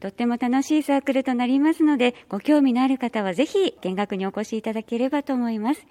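A woman's voice: fairly high pitch, fast, mellow. A woman hosting a community program, interviewing club members in formal, very polite phrasing. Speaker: radio host.

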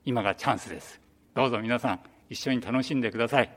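A man who leads a reading club, answering interview questions calmly with some hesitant fillers. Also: mid-range voice, very fast. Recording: long reverb.

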